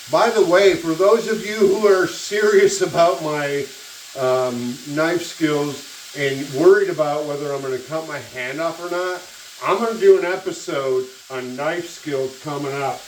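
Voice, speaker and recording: A giggly, tipsy-sounding cooking host rambling casually to camera, exclamatory and free with swearing. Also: medium pitch. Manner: profane, exclamatory. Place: roomy kitchen. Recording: echoey, distant mic, loud sizzle noise. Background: frying sizzle and stirring.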